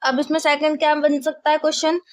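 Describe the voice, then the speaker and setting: Lady maths teacher with a high voice, walks through each step, keeps asking "got it?". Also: level tone, quick pace. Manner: explains step by step, often checks for understanding. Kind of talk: classroom maths lesson.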